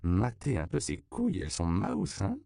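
A man's voice: low voice, huge pitch swings, moderate pace, creaky, mellow, no room sound, clean studio sound, voice pushed up, heavily acted. A man voicing a brash, worldly woman in a novel reading, blunt and teasing.

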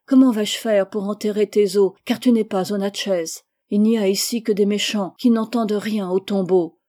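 A woman's voice: medium pitch, moderate pace, a little mellow, slightly rough, natural voice. A woman voicing a grieving, fierce young Native woman who speaks with raised, impassioned intensity in a storybook reading. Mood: anguished.

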